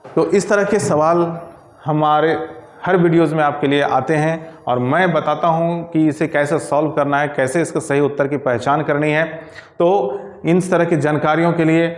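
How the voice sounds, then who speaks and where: A man with a fairly high voice teaches Hindi grammar, working through each exam question step by step. He says every correct option aloud in a methodical way. The recording carries a noticeable room echo. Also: steady tone, normal speed.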